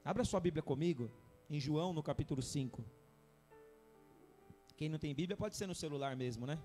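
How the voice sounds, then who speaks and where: A man's voice: on the high side, fairly quick, mellow, long reverb tail, faint music behind. A man pastor preaching a fervent sermon in a church, mixing scripture with joking asides.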